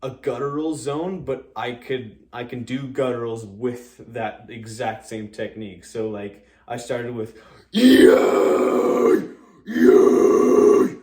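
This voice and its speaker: A man gives a casual tutorial in a mid-pitched voice. His delivery is informal and halting, with a modest, self-deprecating way of explaining, and the room echoes noticeably around him. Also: a little mellow. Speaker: amateur vocalist and drummer giving a tutorial. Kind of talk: casual explanatory vlog chat.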